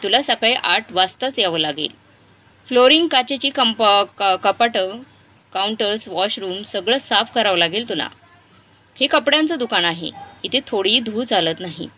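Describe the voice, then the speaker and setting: A woman's voice: mid-range voice, animated, normal speed, bright, forceful tone. A woman voicing a kindly, reassuring male shop worker in a spoken story. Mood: instructing.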